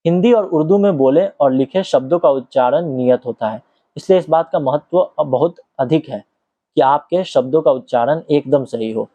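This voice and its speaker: A man from Bihar, India teaches by reading an acting book aloud, switching between careful reading and relaxed asides and regularly asking "ठीक है?". His voice is a little high at a moderate pace, recorded dull, lo-fi and dry with no room sound.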